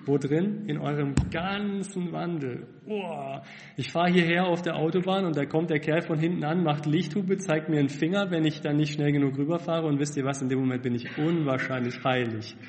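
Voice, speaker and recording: A man's voice: fairly high pitch, fairly even intonation, brisk, hardly any pauses. Echoey preaching man in a hall. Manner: candid, self-mocking, swings from loud to hushed. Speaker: missionary preacher. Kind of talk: sermon.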